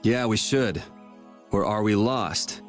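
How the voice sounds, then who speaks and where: An actor voices a blunt, sarcastic young swordsman in a game cutscene, speaking slowly in a low-leaning voice. His delivery is dry and laid-back, and music plays behind him in the game audio.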